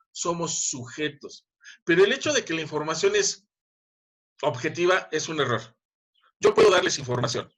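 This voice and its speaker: A middle-aged university lecturer with a Mexican Spanish accent teaches an online class over a video call. His voice is a little high and fairly bright, and his manner is conversational and emphatic, with frequent rhetorical questions.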